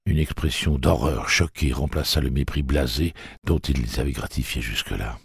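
A man narrating an audiobook in a steady, measured way. His voice is very deep and a touch husky, recorded dry and close with no room sound. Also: no echo. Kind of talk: scripted narration.

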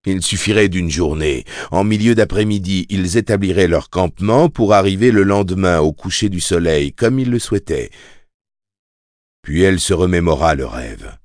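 A man narrating a novel as an audiobook in a measured, even storytelling manner. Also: low-pitched, no room sound, clean studio sound. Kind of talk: scripted narration.

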